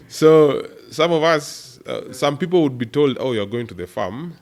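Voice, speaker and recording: A man from Kenya, a guest on a podcast, telling stories about growing up on a farm in a relaxed, animated way, with laughs along the way. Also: fairly high pitch, takes it slowly. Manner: animated storyteller who laughs while telling anecdotes. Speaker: podcast guest, startup executive. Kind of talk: relaxed storytelling interview.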